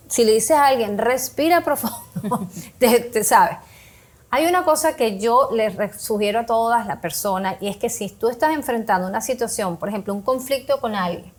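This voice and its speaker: A woman guest on a talk show, explaining how to handle emotions with everyday examples and acted-out bits of self-talk. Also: a little high. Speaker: guest speaker on emotional health.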